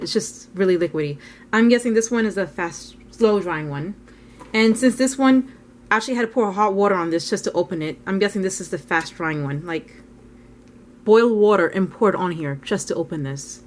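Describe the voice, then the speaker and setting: A woman's voice: mid-range voice, expressive, fairly quick, a little hiss or hum. A woman vlogging as she paints, chatting casually and thinking aloud in a rambling way. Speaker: art vlogger. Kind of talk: casual narration while painting.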